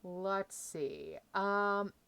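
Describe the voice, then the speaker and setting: A woman doing casual let's-play commentary, reading choices aloud and thinking out loud. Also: medium pitch, drawn-out words, creaky, clear, resonant tone, no echo. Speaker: gaming streamer playing a dating game.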